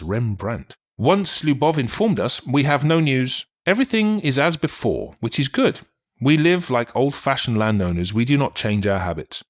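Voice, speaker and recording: A man narrating an audiobook in a calm, measured way. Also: mid-range voice. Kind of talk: scripted narration.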